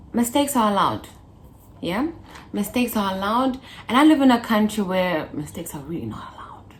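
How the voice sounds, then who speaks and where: Slight background noise accompanies a vlogger in her twenties with a lowish voice as she chats to camera. She's playful and talkative, often breaking into little laughs and bits of song.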